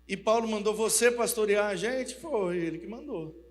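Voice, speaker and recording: A man's voice: sits high, moderate pace, close to an everyday voice. A man preacher voicing elderly male church elders who doubt a young pastor, dismissive in tone. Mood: skeptical. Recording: reverberant church hall.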